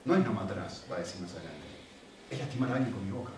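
A man preaching a sermon in an animated, conversational way, often checking in with his listeners. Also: deep voice, racing, a little hiss or hum. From Argentina. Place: church hall. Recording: echoey hall, mic from a distance.

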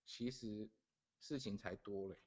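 A middle-aged Taiwanese man, a guest on a podcast, tells a story in a lowish, slightly mellow voice at a measured pace. He's casual yet earnest, repeating phrases as he recounts what happened.

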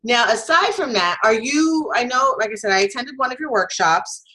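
A woman's voice: a little high, animated, moderate pace, pushed and bright, poor audio. Friendly woman host chatting with a guest. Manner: friendly, laughs easily, opinionated. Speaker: podcast host, photographer. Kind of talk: casual interview chat.

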